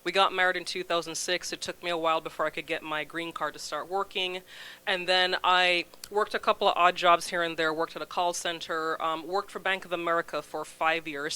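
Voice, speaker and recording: A woman in her forties from Jamaica with a Jamaican accent, a guest chatting casually on a local talk show, laughing easily and trailing off softly. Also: lowish voice, little pitch movement, a little fast, smooth, rough recording. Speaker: guest from a food bank. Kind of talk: casual interview chat.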